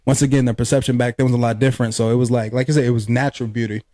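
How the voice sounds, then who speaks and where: A man's voice: medium pitch, fairly even intonation, rapid-fire, dark tone, dry recording, studio quality. A man co-hosting a podcast in loose, joking casual chat, laughing often and cursing freely. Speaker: podcast co-host.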